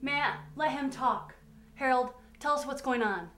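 A woman's voice: high-pitched, unhurried. An actress playing a frightened, pleading woman in a horror film. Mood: urgent pleading. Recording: distant film audio under loud music.

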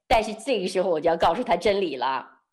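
Soft-spoken woman. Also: fairly low pitch, animated, fast. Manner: soft-spoken, often dropping to a near whisper; reenacts dialogue, laughs lightly. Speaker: interview guest. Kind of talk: personal storytelling.

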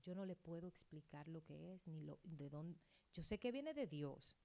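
A middle-aged woman pastor preaching a sermon, acting out quoted dialogue and swinging between loud outbursts and hushed asides. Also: sits low, lively intonation, normal speed, creaky.

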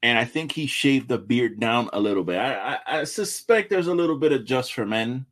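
A man co-hosting a casual wrestling podcast, laid-back and swearing freely as he tells a story. His voice is husky, and his pitch rises and falls a lot. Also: lively intonation, normal speed, a bit bright. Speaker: podcast co-host.

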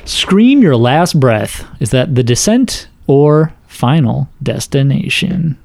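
Animated man co-hosting a podcast. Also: mid-range voice, takes it slowly, gravelly, no echo, clean studio sound. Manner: animated, joking, laughs often. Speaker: podcast co-host. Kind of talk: casual movie chat.

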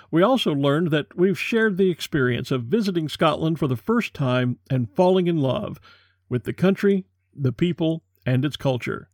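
A man's voice: on the high side, no echo. Dry-voiced American man hosting a podcast. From USA. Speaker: podcast host. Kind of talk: scripted podcast introduction.

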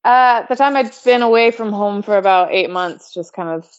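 A woman from Canada chatting in a relaxed interview, laughing often and using lots of fillers. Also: mid-range voice, normal speed, clean tone. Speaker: guest. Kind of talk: casual conversation. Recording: dull lo-fi audio.

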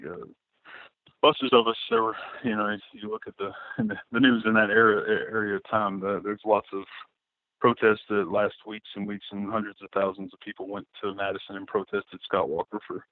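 A guest artist with a lowish voice rambles casually in an interview, with many fillers and restarts. The recording is dry and sounds tinny, like a phone line.

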